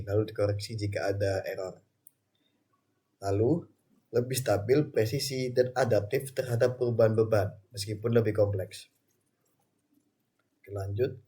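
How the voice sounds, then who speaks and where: A man's voice: medium pitch, mellow, breathy edge. A young man from Indonesia, a student reading through his class slides in short phrases, with small restarts and "okay, next" between them. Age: young adult. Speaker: student presenter.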